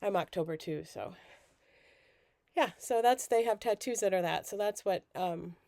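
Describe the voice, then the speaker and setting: A woman's voice: medium pitch, moderate pace, creaky, a little mellow, no room sound. A woman hosting a casual crafting livestream while groggy and sick with a cold, chatty and rambling. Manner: rambling, chatty, self-deprecating.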